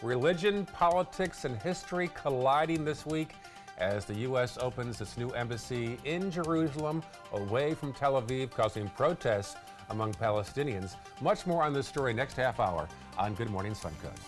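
A man anchoring a morning newscast, reading brisk teasers for upcoming stories. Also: medium pitch, animated, soft background music. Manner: brisk, punchy teaser delivery.

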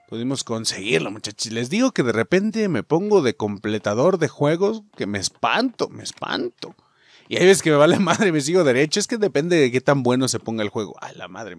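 Speaking with a Mexican accent and a slightly high voice, this man gives relaxed let's-play commentary on his gaming channel, with no echo in the recording. He swears, jokes around, and keeps talking to his viewers, whom he calls "muchachos."

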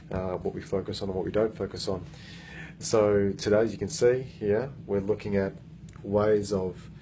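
A man in his thirties, a coach, has a low-pitched, warm voice as he earnestly records a casual vlog in an office meeting room, phone at arm's length. He uses lots of fillers and restarts, and there's slight background noise.

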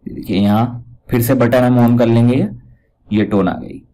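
A man giving a casual step-by-step software tutorial, pointing out each step as he goes. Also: medium pitch, fairly even intonation, a little slow, low-quality recording. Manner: talks step by step, repeats "dekhiye" while pointing things out. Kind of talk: casual screen-recorded tutorial.

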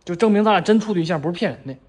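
Woman doing eager goofy young fake boyfriend in a skit, lowish voice swinging all over. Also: expressive, rapid-fire, a little mellow. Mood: cheeky, coaxing. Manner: bumbling, stammering, giggly. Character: cheeky, eager young childhood friend playing fake boyfriend. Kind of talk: casual comedy skit.

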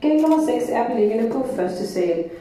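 A woman's voice: fairly high pitch, expressive, normal speed, warm tone. A woman gate agent making a scripted airport announcement. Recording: echoey airport PA with faint noise.

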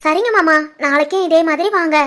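A young cartoon wife, voiced by a woman, talks in a very high, bright voice with a southern Tamil lilt from the Tirunelveli area. She is gentle and polite, speaking with affection and respect to her husband and in-laws. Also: fairly even intonation, brisk. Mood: respectful. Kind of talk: animated family story voice acting.

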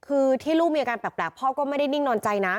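A woman field reporter telling a news story in a chatty, animated way. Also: high-pitched, fast.

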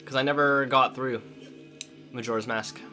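Bright-voiced man chatting over gameplay. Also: mid-range voice, fairly even intonation, moderate pace, faint music behind. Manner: jokey, chatty, rambling with many "like"s. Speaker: let's play co-host. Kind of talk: casual gameplay chat.

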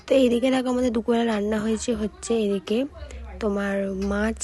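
A woman's voice: a little high, steady tone, quick pace, mellow. A young woman, narrating a vlog voice-over in a chatty way. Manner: chatty, talks viewers through the day. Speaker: vlogger. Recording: voice-over with music behind.

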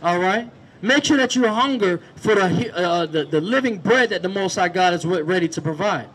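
Man street preaching outside, really high voice, keeps tossing in "all right?", gets shouty. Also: animated, moderate pace, slight background noise, rough recording. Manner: rises to shouting exhortation. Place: outdoors on a street.

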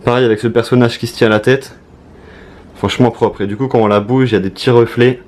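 A man's voice: medium pitch, quick pace. Chatty young French man unboxing. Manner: chatty, excited, talks to viewers. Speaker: YouTuber. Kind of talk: casual unboxing commentary.

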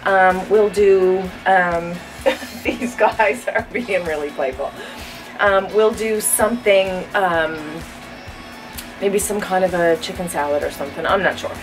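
A woman's voice: fairly low pitch, slow pace, far from the mic, over music, poor audio. A woman in her thirties, a fitness vlogger and trainer, chatting casually to the camera in her bedroom with lots of "um" fillers. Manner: chatty, frequent "um" fillers, upbeat. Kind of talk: casual vlog chat to camera. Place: bedroom with a walk-in closet, indoors.

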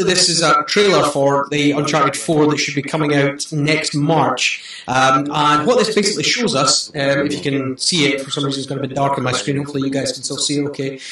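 Male host, bright, hesitant delivery, echoey room sound. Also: a little high. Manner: rambling, lots of ums and restarts. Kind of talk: casual chat.

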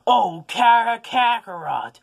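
A man's voice: extremely high pitch, animated, takes it slowly, creaky, slightly rough, exaggerated voice. A man voicing Vegeta, a proud, hot-tempered alien warrior, in a casual improvised toy-figure video, rambling, swearing and stammering. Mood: excited. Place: basement.

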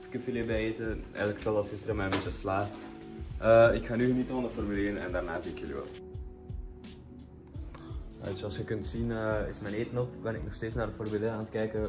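A man's voice: on the low side, poor audio. A young man with a Flemish accent chatting casually to his vlog in a laid-back, slangy way, sprinkling in English words, recorded on a phone at arm's length. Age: young adult. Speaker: vlogger. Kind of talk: casual daily vlog chat.

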